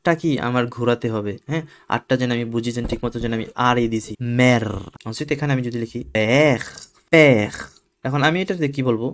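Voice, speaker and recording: A man teaches French pronunciation, repeating each letter sound slowly and clearly. He drills the sounds again and again in a steady, mid-pitched voice, with short explanations between the drills. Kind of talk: pronunciation lesson.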